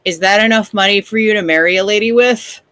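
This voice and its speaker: An eager little kobold druid girl, earnest and caring, who speaks plainly and kindly, as a man puts her on at a tabletop game. The voice sits slightly high. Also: sing-song, a little slow, fairly bright tone, no room sound, full character voice. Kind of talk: tabletop role-play.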